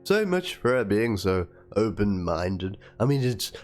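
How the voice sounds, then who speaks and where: Over guitar music, a man with a fairly low voice performs a dramatic reading of a written document and chat logs in the role of a wounded young woman. His unhurried, sing-song delivery is plaintive and theatrical, hurt and accusing, and he spells out the chat slang.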